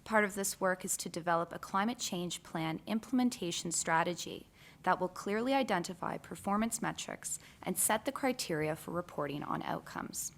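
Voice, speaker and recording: A female ministry official reads a prepared statement aloud to a committee. Her voice sits low with a gravelly edge. Her delivery is measured and formal throughout. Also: expressive.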